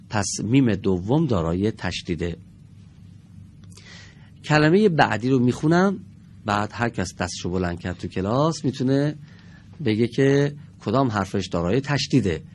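A man teaching a televised reading lesson to children in a studio, patiently and slowly sounding out each word for his pupils. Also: medium pitch, animated, slight background noise.

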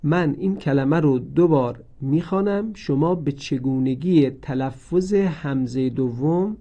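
A man's voice: fairly high pitch, warm tone, highs cut off. A man teaching the rules of Quran recitation in a recorded lesson, explaining each rule step by step and repeating every example so listeners can practise.

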